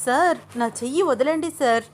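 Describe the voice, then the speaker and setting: A woman voicing a lively young woman who exclaims and protests in a raised, animated voice. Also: high voice, normal speed, voice pushed up, close to an everyday voice. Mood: chatty.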